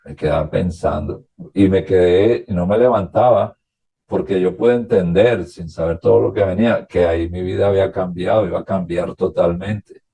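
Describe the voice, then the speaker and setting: A priest from Venezuela, a man, telling his own story as a radio interview guest, recounting past conversations in a halting, reflective way. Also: deep voice, gravelly, mellow, breathy edge.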